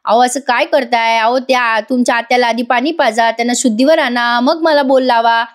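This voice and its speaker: A woman's voice: fairly high pitch, fairly even intonation, a little fast, lightly acted. A woman voicing a scheming villain who feigns innocence in a wheedling tone. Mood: sly.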